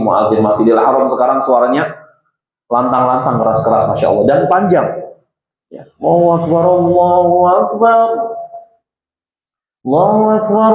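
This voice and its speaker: A man's voice: medium pitch, a little mellow, echoey room, low-quality recording. A male preacher giving a conversational sermon, often asking the audience questions and adding "ya".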